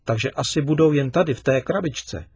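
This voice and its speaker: A man voicing a patient father who gently questions his son in a storybook reading. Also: on the high side, vocal fry, slightly rough, no echo, clean studio sound, pitched above the performer's own voice. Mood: questioning. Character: patient, gently teasing middle-aged father.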